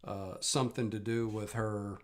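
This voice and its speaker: A man working as game master, narrating a tabletop game off the cuff and halting as he gropes for words. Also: on the low side, flat delivery.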